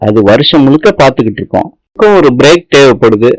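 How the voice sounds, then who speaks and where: A man reading a relaxed young man on a holiday. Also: medium pitch, fast talker, dry recording, poor audio.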